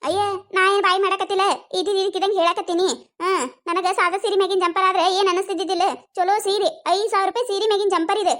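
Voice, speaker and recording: A performer voicing an angry village woman with a North Karnataka accent who complains fast and high in a cartoon comedy. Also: flat delivery, fairly bright tone. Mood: annoyed. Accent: North Karnataka Kannada. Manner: quick, high, scolding complaints. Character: angry village woman customer, fussy about her blouse.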